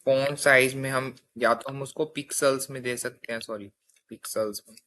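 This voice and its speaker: A man's voice: medium pitch, steady tone, moderate pace, bright, forceful tone. A young man teaching a coding lesson in a casual spoken style, walking through each step and often checking in with his listeners. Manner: explains step by step, often checks with "theek hai".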